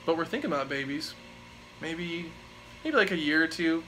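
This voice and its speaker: A somewhat high-voiced man in his twenties, speaking at a moderate pace, answers his live chat as a vlogger in a laid-back, meandering way full of filler words. The audio is poor and carries a slight hiss or hum.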